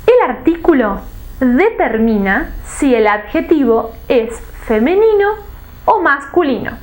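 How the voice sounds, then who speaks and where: A woman teaching a recorded language lesson, reading example words slowly and deliberately, with music playing behind her. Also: high-pitched, sing-song. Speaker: Spanish teacher. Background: background music.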